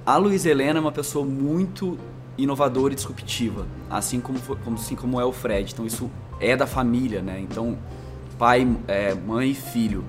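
A male guest with an interior São Paulo accent and a rolled caipira R tells long, flowing stories at a middle pitch. He talks in a relaxed conversational way. Faint music plays underneath. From Brazil, Minas Gerais, raised in interior São Paulo. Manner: animated storyteller, long flowing anecdotes. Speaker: marketing executive guest. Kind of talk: conversational storytelling.

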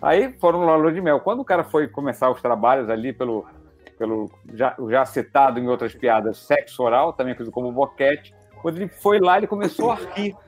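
A male comedian telling a dirty joke in a halting, restarting way. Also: mid-range voice, soft background music. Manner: halting storyteller, many restarts. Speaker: comedian guest.

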